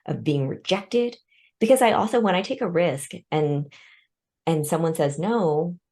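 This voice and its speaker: A woman's voice: fairly low pitch, animated, unhurried, a little mellow. A woman born in Vietnam and raised in the United States, a guest in an interview, explaining her ideas through studies and personal stories with light laughter. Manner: light laughs between points. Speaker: guest expert on respect. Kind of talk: conversational interview.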